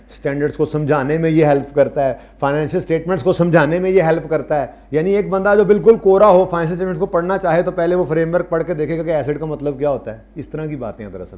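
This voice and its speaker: A man's voice: fairly high pitch, warm tone. Stern man lecturing a live class. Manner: stern, scolds students and repeats points for emphasis; reads English textbook lines slowly, word by word. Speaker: accounting teacher. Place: classroom with students present.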